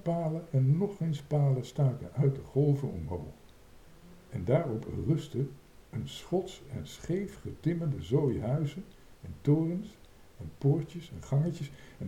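A man reads a children's story aloud with a very dark, mellow voice that swings widely in pitch. He tells it dramatically, and the room around him adds a clear echo. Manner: expressive, dramatic. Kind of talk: reading a children's book aloud.

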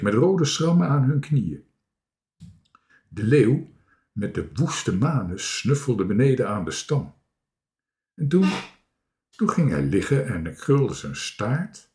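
A man reads a children's storybook aloud at an unhurried pace. His pitch moves a lot, rising and falling with the tale as he slips into small voices for the characters. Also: dark tone.

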